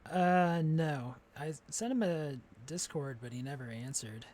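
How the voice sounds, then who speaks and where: A man's voice: on the high side, a little slow, a little mellow. A man streaming, chatting casually with a friend, rambling with lots of filler words and frequent laughter. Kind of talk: casual chat. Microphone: streaming setup.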